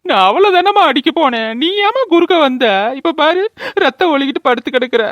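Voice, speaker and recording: Woman doing a drunken village son, high voice, dry sound. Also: expressive, brisk, fairly bright tone, dry recording, muffled recording. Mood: pleading. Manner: blustering, then pleading. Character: drunken village man, hot-tempered grown son. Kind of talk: cartoon voice acting.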